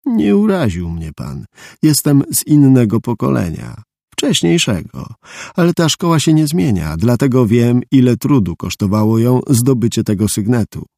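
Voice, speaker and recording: A man voicing a calm, proud, middle-aged former soldier who speaks in a measured, polite way. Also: medium pitch, vocal fry, no room sound, studio quality. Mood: earnest.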